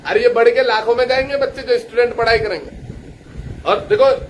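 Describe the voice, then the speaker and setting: A man with a high voice gives a casual astrology lecture. He brags and swears freely, and he tells his stories with lively scorn. A faint noise sits under his voice. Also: fairly quick, low-quality recording. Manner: boastful, crude and swearing, telling anecdotes. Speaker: astrologer and teacher. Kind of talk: casual lecture-style monologue.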